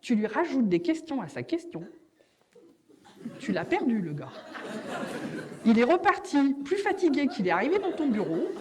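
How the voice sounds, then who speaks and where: A middle-aged woman performing a stand-up comedy monologue, animated and quick to slip into acted voices. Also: sits high, crowd noise.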